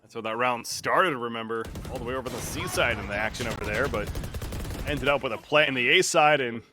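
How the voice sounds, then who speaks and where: A man's voice: mid-range voice, fast, noisy background. A man working as an esports caster, giving live play-by-play commentary on a game. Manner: excitable during action, relaxed between rounds.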